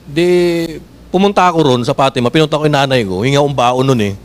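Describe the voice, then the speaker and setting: A man with a Filipino accent preaching a sermon as pastor, asking the congregation questions and reading verses slowly. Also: medium pitch. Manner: switches between Tagalog and English, reads verses slowly; animated, asks the congregation questions.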